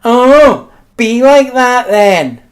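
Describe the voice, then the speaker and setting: A Scottish man putting on his mother's voice as a fussy, coaxing middle-aged woman, high and sing-song. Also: expressive, very slow, exaggerated voice. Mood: huffy.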